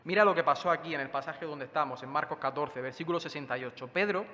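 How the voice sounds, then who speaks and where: A man's voice: a little high, fast talker, pushed and bright, big-room sound, highs cut off. A man with a Spain Spanish accent preaching a Sunday sermon in a church, talking conversationally and asking his listeners rhetorical questions. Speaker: pastor preaching.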